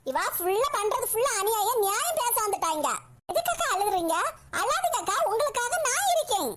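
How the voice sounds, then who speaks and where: Woman doing a meddling cartoon busybody, indignant, very high squeaky voice, noisy recording. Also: sing-song. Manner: meddling, indignant, quick to take offense. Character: meddling young village woman, pushy busybody friend. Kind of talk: cartoon comedy voice acting.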